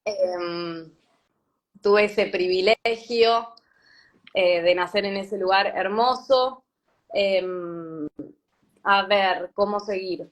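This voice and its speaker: A yoga teacher in her thirties from Patagonia, with an Argentine Spanish accent, tells her story as an interview guest. She is thoughtful and reflective, with a mid-range voice, pausing often and using many fillers and restarts.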